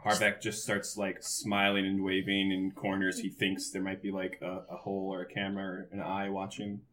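A man's voice: low voice, completely flat delivery, normal speed, a crowd in the background. A man improvising casual role-play in a tabletop game, with hesitant, stammering delivery.

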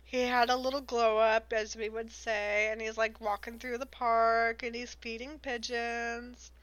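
A young woman casually chatting and retelling an audiobook, animated, laughing often and swearing freely. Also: on the high side, a little slow, no room sound, poor audio. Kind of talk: casual chat recapping an audiobook.

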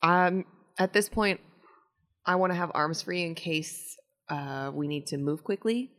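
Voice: medium pitch, unhurried, fairly bright tone. A tabletop game player chatting casually in character, hesitant, with many fillers. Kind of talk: casual tabletop role-play.

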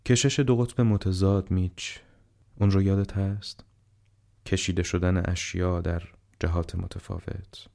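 A man reading the part of a frail, dying old man who speaks slowly, haltingly and on the edge of tears. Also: sits low, level tone, vocal fry, warm tone. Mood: reflective. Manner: slow, halting, tearful.

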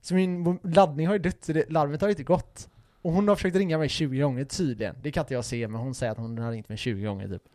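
A young man chats on a podcast, spinning an animated story and swearing freely. His voice sits a little high. The close mic sounds dry, with no room around it. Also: no echo. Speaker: podcast co-host. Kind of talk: casual chat.

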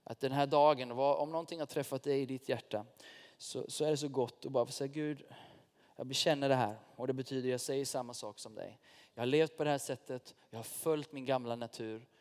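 A man's voice: medium pitch, fairly even intonation, a little mellow. Male pastor, casual conversational preaching, recorded in a church with long reverb. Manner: informal, direct address to the congregation, personal stories. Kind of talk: sermon.

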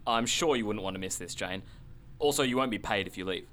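A man's voice: fairly low pitch, fairly quick, a bit bright, slight background noise, lightly acted. A man playing a smug, pompous doctor who co-hosts a parody radio variety show in a polished presenter manner. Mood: smug, upbeat.

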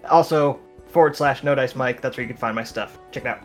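A man's voice: medium pitch, fairly quick, faint music behind. A man, a tabletop player and artist, talking casually to a streaming audience.

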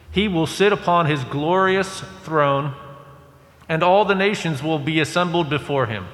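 A male priest reading the Gospel aloud in measured, formal phrases, with cathedral echo around his voice. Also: a little high, fairly bright tone. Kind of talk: liturgical Scripture reading. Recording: echoey church with long reverb.

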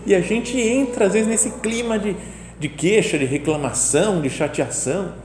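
With a high-pitched, slightly mellow voice at normal speed, a man offers a conversational homily in a chapel, speaking with a Brazilian Portuguese accent and often asking "né?". The sound is echoey and reverberant, with faint ambience and a little hiss or hum.

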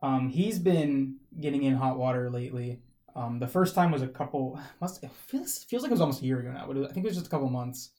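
A man's voice: mid-range voice, expressive, fast, dark tone. A man co-hosting a podcast, talking casually and rambling with many fillers and restarts. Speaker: podcast co-host. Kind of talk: casual chat.

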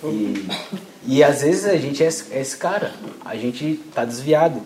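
A young man preaches informally, using slang and performing quoted prayers as he goes. He speaks unhurriedly and expressively in a medium, slightly mellow voice. Faint ambient noise fills the echoey room.

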